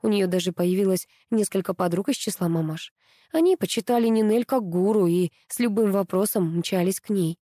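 Mellow-voiced woman reading a story. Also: mid-range voice, a little fast, no room sound, clean studio sound. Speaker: narrator.

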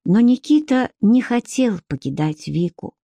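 A woman reading an audiobook in steady, measured narration. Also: a little high, creaky, no echo. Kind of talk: scripted narration.

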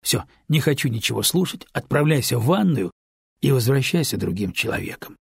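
A man's voice: medium pitch, expressive, fairly quick, creaky, husky, no room sound, studio quality, full character voice. A man reading a stern, commanding man. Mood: firm. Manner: firm, commanding, brusque. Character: stern, decisive man, middle-aged friend. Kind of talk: audiobook character reading.

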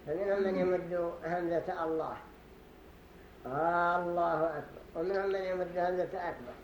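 Male sheikh, high voice, deliberate teaching of a religious lesson, roomy echoing mosque hall. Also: a little mellow, muffled recording. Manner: deliberate explaining, repeats phrases to show pronunciation. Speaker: sheikh teaching a study circle. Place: study gathering in a mosque hall. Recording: roomy echo with faint hiss.

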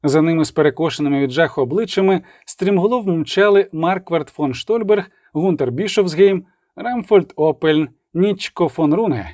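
A man narrating an audiobook in a steady dramatic reading. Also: fairly high pitch, normal speed, no echo, clean studio sound. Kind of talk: scripted narration.

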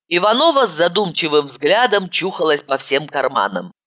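Оживлённая ироничная женщина-чтица. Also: female voice, moderate pace, dull audio. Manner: lively, ironic, rising to high pitch in her own dialogue. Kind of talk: audiobook narration of an ironic detective novel.

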